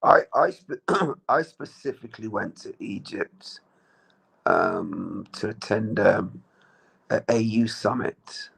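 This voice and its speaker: A man answers interview questions in a measured, plain way. His low voice has a gravelly, husky grain to it. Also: a bit bright, poor audio. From Jamaica. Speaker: interview guest, traveler.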